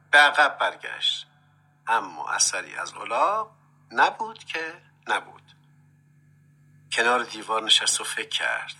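A man's voice: fairly low pitch, sharp tone, husky, low-quality recording. A man telling a folk tale expressively, dropping to a whisper at tense moments. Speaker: storyteller.

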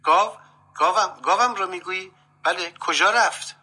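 A man's voice: high-pitched, sharp tone, breathy edge, voice pushed up, heavily acted. A man voicing a flustered, muddled male folk hero who stammers.

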